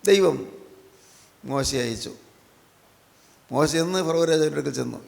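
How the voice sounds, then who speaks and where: A man's voice: a little high, moderate pace, creaky, a little mellow. A man preaching a sermon with emphasis, repeating his key phrases for effect. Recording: long hall reverb.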